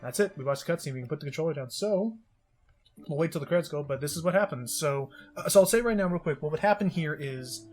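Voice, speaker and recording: A man's voice: fairly high pitch, animated, quick pace, darkish tone, faint music behind. A man giving casual, wordy commentary on a co-op game, explaining as he goes. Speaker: gaming video commentator.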